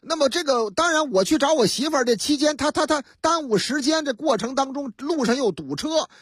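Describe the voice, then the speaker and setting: A woman's voice: sits high, lively intonation, dry recording, studio quality. A woman voicing a flustered young father at the wheel, pleading in a rush and stammering over his words. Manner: fast pleading rambling with stammered repeats.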